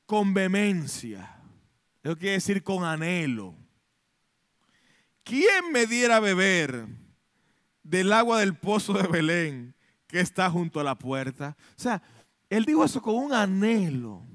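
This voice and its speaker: A male pastor from the Dominican Republic delivering a sermon in a high voice. He works the room with rhetorical questions and acts out quoted lines. The sound is dry and close. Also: big pitch swings, slow, pauses often, fairly bright tone, dry recording.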